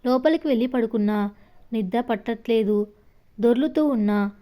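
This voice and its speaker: Soft-voiced woman narrating a story. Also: a little high, moderate pace. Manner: reads a first-person story, voicing the dialogue lightly.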